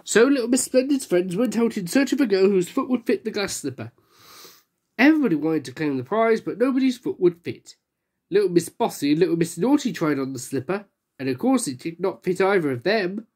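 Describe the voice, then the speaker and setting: A woman reading a children's storybook aloud, her pitch rising and falling in a lively way. She brings each character to life as she goes. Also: brisk, husky. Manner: expressive, voicing characters.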